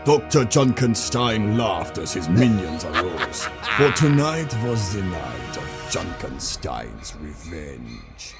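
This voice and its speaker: A man acts a solemn storyteller narrating a dark fantasy tale. His very deep voice is slow and theatrical, with dramatic rises and falls over clear music. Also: very animated, full character voice. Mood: ominous, theatrical.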